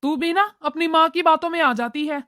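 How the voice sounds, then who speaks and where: This is a scolding cartoon father, voiced by a woman. He lectures his wife and daughter in a very high, bright voice. The sound is dry and close to the mic. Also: fairly quick, dry recording. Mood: lecturing. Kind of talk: cartoon voice acting.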